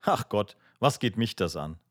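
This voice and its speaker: A brooding young intellectual with a low voice and an ironic, musing manner, read by a man. He sounds wry and detached rather than heated. The sound is dry and close-miked. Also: lively intonation, a little slow, no room sound. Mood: sardonic.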